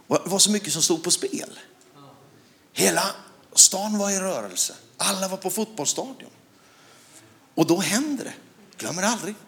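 A middle-aged Swedish man preaching a sermon, telling a personal story with animated delivery, rising to loud shouts and asking the crowd questions. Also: high voice.

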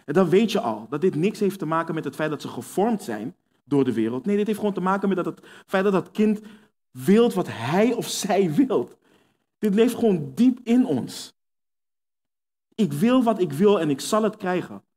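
A man's voice: high voice, lively intonation, moderate pace, darkish tone. A man preaching a sermon, earnest and emphatic, repeating key words for weight. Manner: acts out quoted voices within preaching.

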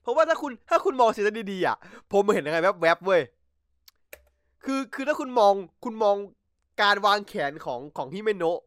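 Animated man recapping episodes, dry sound. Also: high-pitched, normal speed, no echo. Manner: excitable, swears freely, slangy. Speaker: podcast host. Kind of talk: casual podcast episode recap. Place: home, talking over a voice chat call. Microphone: computer mic over voice chat.

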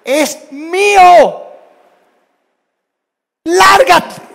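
A man voicing young children fighting, shouting and whining shrilly at each other. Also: very high-pitched, animated, extremely slow, creaky, pitched above the performer's own voice, exaggerated voice. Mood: whiny, shrieking.

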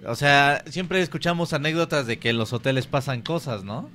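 A man's voice: medium pitch, moderate pace, fairly bright tone, a little hiss or hum. A man with a Mexican accent, a radio host telling an anecdote in slangy casual chat.

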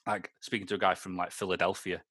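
A man's voice: sits low, flat delivery, fast, fairly bright tone, husky, no room sound. A young Scottish man hosting a podcast, chatting casually, rambling and swearing, laughing often. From Scotland. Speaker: podcast host. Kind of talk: casual chat.

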